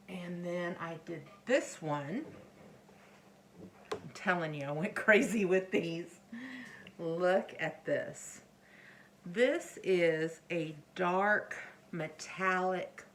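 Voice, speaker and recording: A middle-aged woman casually showing her things to camera as a vlogger, speaking hesitantly and often trailing off or correcting herself. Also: fairly low pitch. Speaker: crochet vlogger. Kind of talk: casual rambling show-and-tell to camera. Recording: faint background noise, occasional chair creaks.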